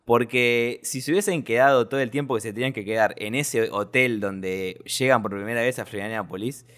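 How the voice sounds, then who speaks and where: A man's voice: medium pitch, brisk, a bit bright. A man with an Argentine accent chatting casually about a film, hesitant and colloquial, with many fillers. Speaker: podcast film critic.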